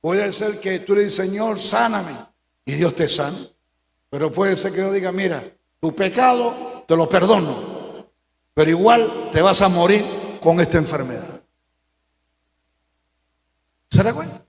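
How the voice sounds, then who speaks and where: High-voiced preacher in an echoey hall. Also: male voice, animated, measured pace, creaky, pauses often. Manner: preaching with swings from hushed to shouted. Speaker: pastor. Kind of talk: sermon.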